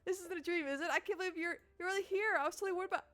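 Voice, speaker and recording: A woman reading out a dating-sim heroine as an overjoyed young woman, breathless with excitement. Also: very high voice, very fast, voice pushed up. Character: overjoyed young heroine reunited with her friend.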